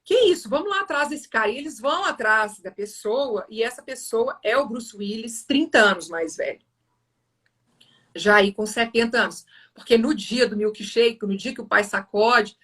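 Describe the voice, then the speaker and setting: A woman's voice: on the high side, sharp tone, distant mic. A woman, hosting a live series, earnestly retelling a film scene with frequent restarts. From Brazil. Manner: earnest, halting storytelling with restarts.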